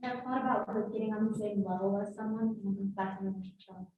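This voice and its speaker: A woman's voice: mid-range voice, fairly even intonation, a little fast. Woman student answering from across a room. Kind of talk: answering in class. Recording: echoey room, thin phone-like sound, far from mic.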